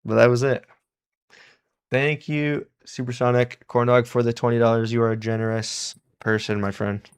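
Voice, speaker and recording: A man's voice: mid-range voice, level tone, moderate pace, clear, resonant tone. A man hosting a casual live stream as he repairs electronics, chatting and laughing often as he thanks and greets his viewers. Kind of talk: casual live-stream chat while soldering.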